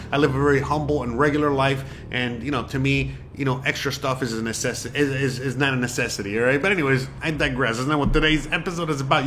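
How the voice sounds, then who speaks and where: Man, 40s, from Miami, casual vlog talk, rambling, emphatic, fillers, mid pitch, faint background noise. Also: fairly bright tone. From Miami, USA. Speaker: vlogger.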